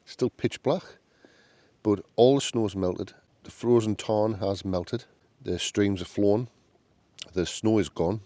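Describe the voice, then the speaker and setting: Down-to-earth Northern English man, dark low voice. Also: slow pace, no echo. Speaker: solo camping vlogger. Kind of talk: casual chat to camera. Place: inside a small tent outdoors.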